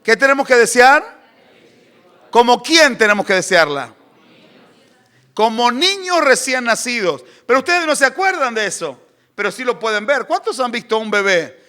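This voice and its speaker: A middle-aged man, preaching a sermon and acting out crying and shouting. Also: very high voice, normal speed. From Argentina. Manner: animated, acts out crying babies and shouts. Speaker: pastor.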